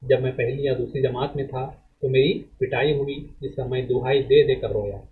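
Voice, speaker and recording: A male teacher reads a text aloud to students and explains it, speaking in a measured lecturing way. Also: medium pitch, steady tone. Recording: phone-like narrow band audio.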